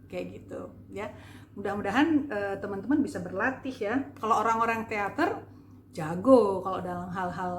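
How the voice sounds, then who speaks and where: Woman, mid-pitched, chatty demonstrative trainer; roomy recording with light background hiss. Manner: chatty, demonstrative, many filler "eh"s and "ya"s. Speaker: public speaking trainer. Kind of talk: casual video lesson. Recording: echoey room with faint ambience.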